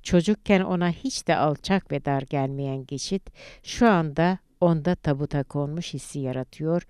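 A woman reading a literary novel aloud in a measured, deliberate audiobook narration. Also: low-pitched, darkish tone, clean tone, no echo, studio quality.

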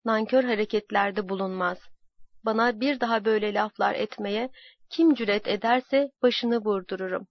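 A man's voice: sits high, normal speed, dry recording. A woman voicing a thundering old sultan. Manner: thundering, commanding. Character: stern old sultan defending his son. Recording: dull lo-fi dry recording.

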